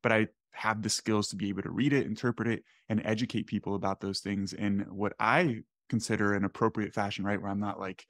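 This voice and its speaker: A man in his thirties hosting a casual interview into a desk studio mic, speaking quickly and sometimes searching for words mid-sentence. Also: lowish voice, level tone, fairly bright tone, no room sound. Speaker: podcast host. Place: small room at home.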